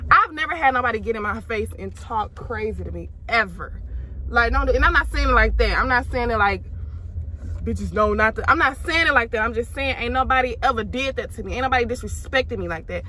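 A young woman talks straight to her viewers from inside a car, blunt and emphatic in loose, slangy chat. Her voice sits a little high and sounds bright and forceful, with a faint hum of the car behind her. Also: expressive, fast. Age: young adult. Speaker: vlogger. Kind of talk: casual chat.

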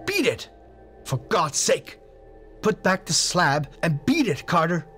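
A man voicing a terrified middle-aged explorer trapped underground, hoarse with fear and pleading frantically. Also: low voice, steady tone, normal speed, a bit bright, soft background music, pitched below the performer's own voice. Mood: urgent.

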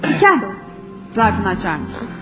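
Brisk woman hosting a reality show. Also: mid-range voice, huge pitch swings, music in the background. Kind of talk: hosting a nomination round.

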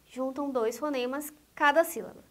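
A woman with a Brazilian Portuguese accent teaching a grammar lesson, saying each example word twice in a deliberate way. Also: high-pitched.

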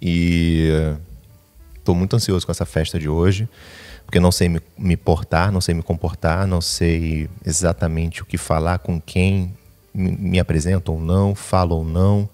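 A man's voice: deep voice, little pitch movement, normal speed, dark tone, soft background music. A young man talking in a casual confessional vlog, anxious and jittery, rambling and cutting himself off, swearing casually. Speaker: vlogger.

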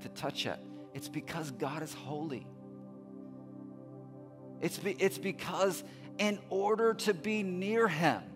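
Middle-aged pastor, headset mic, earnest sermon delivery, repeats phrases, swings between loud and soft. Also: male voice, a little high. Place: large church stage indoors.

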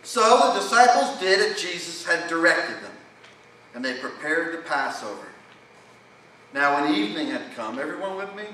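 Middle-aged New pastor, high bright voice, unhurried folksy preaching, echoey church miked from afar. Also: male voice, big pitch swings, recorded from a distance, a little hiss or hum. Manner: folksy, asks the congregation questions. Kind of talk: sermon. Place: church sanctuary.

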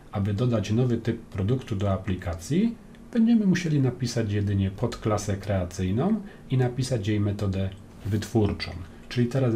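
A man's voice: lowish voice, warm tone, slight background noise. A man with a Polish accent narrating a screen-recorded coding tutorial, explaining step by step with frequent hesitant "e" fillers. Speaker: programming tutor.

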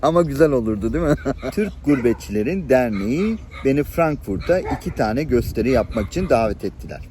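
A middle-aged man recounts old memories straight to camera, his voice warm and dark rather than bright. He tells them like a born storyteller, chuckling and briefly acting out the people he describes. The pitch sits at an everyday middle height for a man. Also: brisk, slight background noise. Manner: lively anecdotal storytelling, chuckles and acts out voices. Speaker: channel host. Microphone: camera-facing, showing viewers things on screen.

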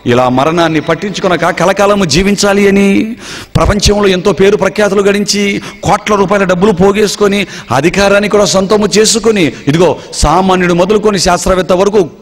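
A man's voice: sits high, brisk. A male preacher giving a dramatic sermon, acting out everyday scenes and putting questions to his listeners. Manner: dramatic storyteller, acts out dialogue, asks the congregation questions. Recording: long reverb.

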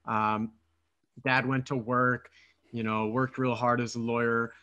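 A man's voice: medium pitch, little pitch movement, unhurried, sharp tone, clear, resonant tone, highs cut off. A man in his thirties from Philadelphia, hosting a podcast over a video call and talking eagerly in long runs with some fillers. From Philadelphia, United States. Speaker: podcast host. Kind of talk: casual podcast interview. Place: apartment room, video call. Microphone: headset.

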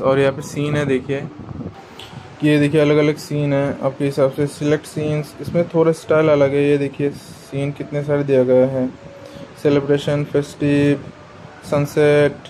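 A man's voice: fairly high pitch, dark tone, slight background noise, poor audio. A man giving a casual how-to product demo, chatty and explanatory, talking straight to his viewers. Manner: chatty and explanatory, often addresses the viewers as guys. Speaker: product reviewer.

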